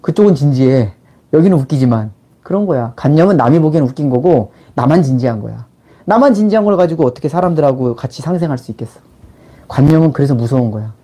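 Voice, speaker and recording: A middle-aged man, a channel host and life and money mentor, gives a casual lecture in blunt, informal speech, firing rhetorical questions at his listener and acting out little quoted exchanges mid-talk. His voice is on the high side, expressive, quick, and mellow.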